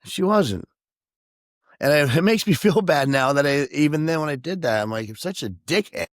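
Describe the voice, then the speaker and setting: A man co-hosting a podcast, talking candidly and emotionally about his own past behavior, halting and self-reflective. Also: a little high, no echo, clean studio sound. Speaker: podcast co-host. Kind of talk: candid personal conversation.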